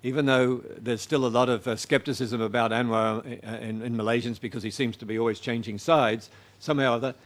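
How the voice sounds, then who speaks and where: A man's voice: medium pitch, steady tone, brisk, hardly any pauses. Hesitant man answering questions. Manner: hesitant, many fillers and restarts. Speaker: guest speaker answering audience questions. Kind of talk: public talk Q&A.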